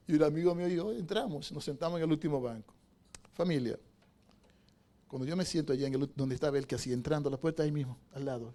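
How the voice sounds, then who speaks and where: A male pastor with a notably high voice preaches to his congregation inside a church sanctuary. He drops to a hush as he tells a story, then climbs to loud, fervent exhortation. He keeps pulling the listeners in with rhetorical questions. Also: fast talker, pauses often. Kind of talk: sermon.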